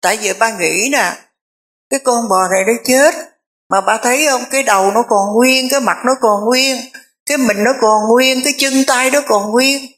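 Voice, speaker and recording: A woman performs the patient, reasoning young son of a rich man, pitching her voice fairly high, above her own, though still near an everyday sound. Her tone is fairly bright, her pace normal, and she repeats phrases as he reasons things out.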